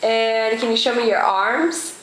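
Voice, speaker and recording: High-voiced mom slowly quizzing her toddler in sing-song baby talk, echoey room at home. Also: fairly bright tone. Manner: slow, sing-song, coaxing questions with praise. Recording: echoey room, faint noise.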